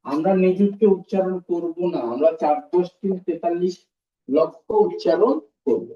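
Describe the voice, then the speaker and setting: A man's voice: high voice, moderate pace. A man teaching a primary school math class, explaining step by step, repeating terms and quizzing his pupils. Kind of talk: recorded classroom math lesson. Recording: roomy, distant and dull-sounding.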